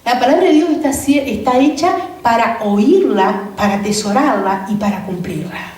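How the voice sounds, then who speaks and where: A woman pastor delivers a sermon in a high voice, piling up repeated phrases and rhetorical questions. She sounds distant from the mic, and her voice rings around a very echoey church hall. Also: animated, normal speed, a little mellow. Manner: repetitive, rhetorical questions to the congregation.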